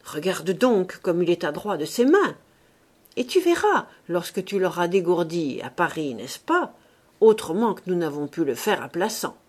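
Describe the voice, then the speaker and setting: Woman doing a brisk, displeased old matriarch, audiobook. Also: lowish voice, big pitch swings, husky. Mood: impatient. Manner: hurried and pressing.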